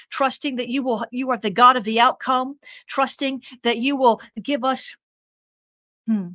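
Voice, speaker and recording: A woman's voice: on the high side, fairly bright tone, no echo. A woman leading a fervent spoken prayer, with rhythmic repeated phrases that build into exclamations. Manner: repetitive, rhythmic, rising into exclamations; speaks in tongues briefly. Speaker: prayer leader.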